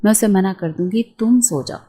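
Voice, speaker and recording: Woman reading gentle middle-aged mother-in-law, soft, calming, quieter, mellow voice. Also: medium pitch, slightly rough, natural voice. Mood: soothing.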